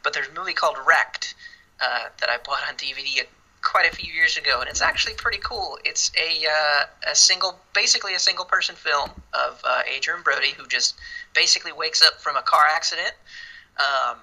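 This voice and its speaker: Bright-voiced rambling man on a podcast. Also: on the high side, fairly quick, poor audio. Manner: rambling, drops to asides under his breath. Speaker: podcast co-host. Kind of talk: casual movie chat.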